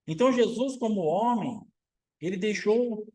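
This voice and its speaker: A man's voice: high-pitched, lively intonation, unhurried, a little mellow, rough recording. A man, a pastor, preaching a sermon, asking rhetorical questions and acting out quotes.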